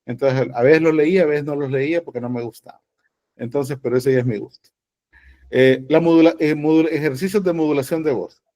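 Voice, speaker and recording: A man's voice: fairly high pitch, brisk, warm tone, no echo, studio quality. A man with a Salvadoran accent teaching podcast acting in an online class, blunt and joking with emphatic advice. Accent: Salvadoran Spanish. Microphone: video call.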